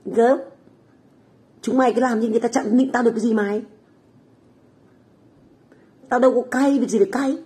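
With a fairly high, warm voice and a steady tone, she speaks at a moderate pace and leaves long pauses. She is a middle-aged Vietnamese food stall owner and livestream host in a home kitchen abroad, casually chatting with viewers in a brash, foul-mouthed, taunting way.

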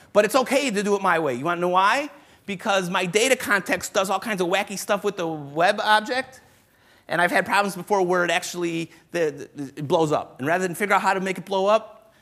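A man presenting a live programming lecture to a room of developers, brisk and joking, thinking aloud as he demos code. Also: high voice, a bit bright. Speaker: conference presenter teaching developers. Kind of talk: live technical lecture with demo. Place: conference room with live audience.

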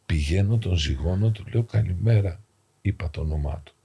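A middle-aged man, an Orthodox priest, telling a moving story as a guest on a podcast, acting out the dialogue and sinking to hushed tones. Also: low-pitched, husky. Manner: acts out dialogue in shifting voices, drops to hushed tones. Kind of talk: emotional storytelling in a podcast interview. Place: podcast studio, seated on a sofa.

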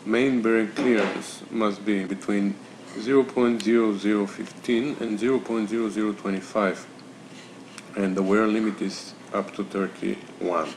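A man talking slowly through engine measurements in a workshop tutorial, pausing and filling gaps as he works out numbers. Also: on the low side, steady tone, noisy background. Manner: methodical, talking through numbers with pauses and fillers. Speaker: home mechanic explaining engine measurements. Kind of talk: step-by-step tutorial narration.

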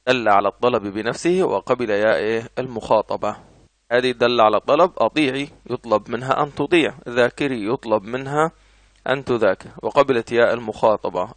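A man with an Egyptian Arabic accent explains grammar in an ordinary middle-pitched voice. He reads each example twice and then asks and answers his own questions. The recording is dry and close, with no room sound. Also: fairly bright tone, no room sound. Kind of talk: explanatory lesson.

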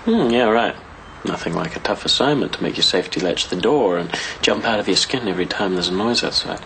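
A man's voice: deep voice, a little fast, vocal fry, a bit bright, a little hiss or hum, poor audio. An actor playing a wry, teasing young man next door in a TV soap, with a New Zealand accent. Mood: sardonic, probing. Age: young adult. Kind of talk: naturalistic TV soap acting. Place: indoors, small flat.

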